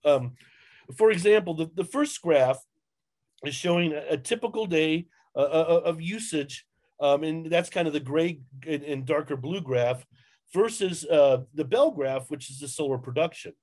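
Man giving a webinar, fairly high voice, halting, lots of ums, webcam mic. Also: a little mellow. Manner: halting, many fillers and restarts. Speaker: webinar presenter. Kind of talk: webinar slide presentation. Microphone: webcam on video call.

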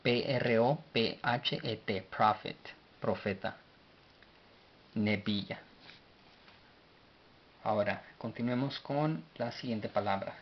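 Man, low voice, very slow, deliberate letter-by-letter teaching; dull lo-fi recording with faint hiss. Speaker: language teacher. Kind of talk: slow spelled-out language lesson.

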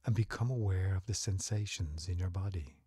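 In a deep, breathy, husky voice that often drops nearly to a whisper, a man narrates a guided meditation. His delivery is soothing, gentle and unhurried, and the recording is dry.

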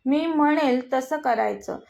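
An arrogant young bully who mocks and threatens everyone around him, voiced by a woman narrating a story. The voice sits high, and the threats come out in a sneering, taunting way. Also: a little slow, creaky, a little mellow. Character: arrogant menacing young man, a bullying villain. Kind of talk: storybook reading.

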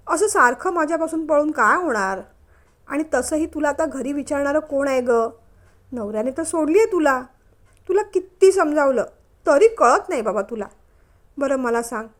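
A woman voicing a sleazy, pushy male office manager with an oily, suggestive manner in a storybook reading. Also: sits high.

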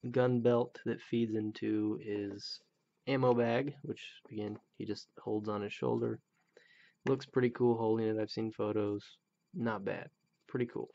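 A man's voice: lowish voice, vocal fry, mellow. A man in his thirties reviewing an action figure in a blunt, grumbling, critical way, on a dull lo-fi recording. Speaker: toy reviewer. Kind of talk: casual product review.

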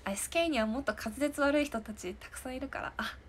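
Woman, 20s, idol stream host; casual, giggly chat, slightly high voice, faint background hum. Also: fast talker. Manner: giggly and chatty, often laughing. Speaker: idol hosting a live stream talk show. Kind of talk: casual chat answering viewer comments.

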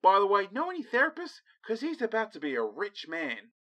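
Man playing a brash, gruff old Australian sea captain. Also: high voice, huge pitch swings, brisk, bright, forceful tone, exaggerated voice. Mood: wry warning. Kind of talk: comedic audio drama acting.

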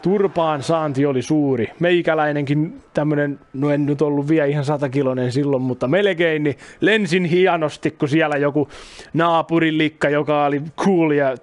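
Excitable man commentating a wrestling game. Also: fairly high pitch. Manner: excitable, chatty, swears, exclaims over the game. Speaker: gaming YouTuber. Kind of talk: casual Let's Play commentary.

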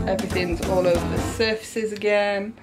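A woman's voice: medium pitch, steady tone, normal speed. A young woman chatting casually to a handheld camera in her kitchen, upbeat and rambling. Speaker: vlogger. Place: small home kitchen, indoors. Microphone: handheld camera at arm's length. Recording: background music playing loudly. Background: loud background music.

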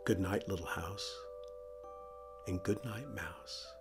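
A man's voice: low voice, takes it slowly, music in the background. A middle-aged man who hosts a children's show, presenting and reading stories aloud for kids.

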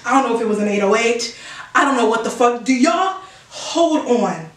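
Excitable woman reacting in an echoey room. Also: a little high, normal speed. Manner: excitable, profane, laughs and sings along. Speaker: music reaction host. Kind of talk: casual reaction commentary. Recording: roomy echo, mic at a distance, music playing. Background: song playing.

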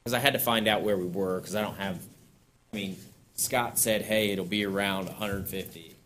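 A man's voice: fairly low pitch, moderate pace, fairly bright tone, slight background noise. A middle-aged man presenting at a town board meeting in a council chamber, talking casually and chuckling between points. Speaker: parks director presenting to a board. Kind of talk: public meeting discussion.

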